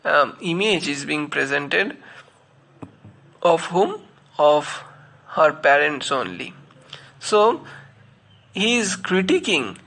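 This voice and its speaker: A man's voice: fairly high pitch, gravelly, sharp tone. A man giving a literature lecture, explaining step by step with many fillers and spelling out names letter by letter. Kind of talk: spoken lecture.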